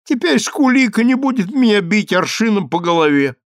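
A man voicing a cheeky young boy who mocks calmly. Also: high voice, normal speed, no room sound, clean studio sound, voice pushed up. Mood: mocking. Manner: mocking and calm.

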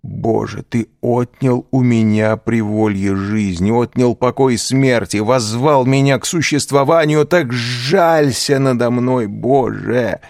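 A man's voice: mid-range voice, takes it slowly, gravelly, hardly any pauses, darkish tone, no room sound, clean studio sound, pitched above the performer's own voice. A man reading aloud voices a desperate young sailor locked in prison, crying out in anguished, imploring tones. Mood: despairing.

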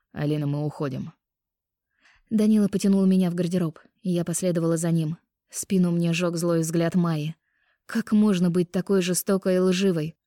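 Woman reading a romance audiobook, kinda low mellow voice, dry close mic. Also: dry recording. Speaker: audiobook narrator. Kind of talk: first-person romance audiobook narration.

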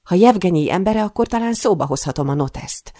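A woman's voice: fairly low pitch, animated, warm tone, no room sound, studio quality. A woman narrating a first-person novel in a tense, intimate storytelling manner. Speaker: audiobook narrator.

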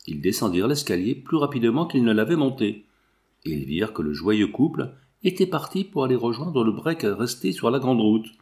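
A man's voice: medium pitch, very animated, normal speed, a little mellow. A man narrating a classic French novel as an audiobook reader. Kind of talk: scripted narration.

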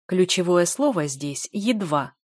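A woman voicing a calm, powerful older male rector of a magic academy who speaks with dry mockery, in an audiobook reading. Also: lowish voice, a little slow.

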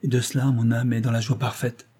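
A man's voice: medium pitch, little pitch movement, brisk, mellow, husky, lightly acted. A man voicing a troubled young husband in an audiobook reading, with anxious, urgent questioning.

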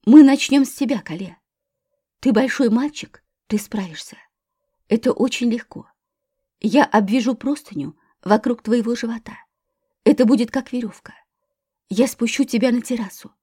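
Desperate young mother, urgent and commanding, read by a woman narrator, husky, higher voice. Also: normal speed, long pauses, mellow. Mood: forced calm. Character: terrified young mother in a house fire.

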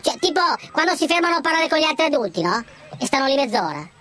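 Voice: sits high, sing-song, quick pace, a bit bright. An adult voicing an earnest, know-it-all little boy in a comic radio sketch who lectures grown-ups in an indignant, fussy way. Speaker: child character in a radio comedy sketch.

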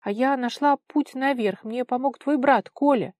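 A woman's voice: high-pitched, moderate pace, darkish tone, no room sound, studio quality, pitched above the performer's own voice, natural voice. A woman reader voicing an anxious, commanding young celestial woman, urgent and imperious in speech.

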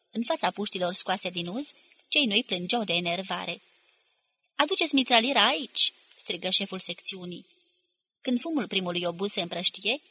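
A woman's voice: mid-range voice, bright, forceful tone, breathy edge. A woman reading a literary novel aloud as an audiobook narrator, with an intense, dramatic delivery.

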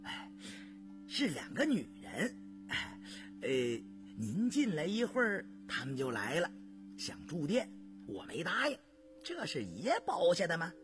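A man's voice: on the high side, wildly swooping pitch, unhurried, pauses often, over music, pitched above the performer's own voice. A man voicing a fawning middle-aged male innkeeper who hesitates with filler sighs and talks ingratiatingly.

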